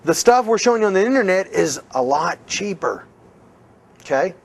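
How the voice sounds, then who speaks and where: A middle-aged man runs a live seminar in front of a room of students, and his voice sits a little high for a man. He talks with energy and keeps pulling the audience in with quick questions, and his pitch swings up and down as he coaches. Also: big pitch swings. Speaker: real estate trainer.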